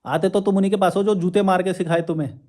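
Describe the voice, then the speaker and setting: A man rants straight at his audience, answering their comments with sarcasm and blunt scolding. His voice sits a bit high for a man but has a mellow, warm tone. He talks like someone picking apart every argument thrown at him. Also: steady tone, fast talker. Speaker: YouTube channel host. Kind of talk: ranting reply to viewer comments.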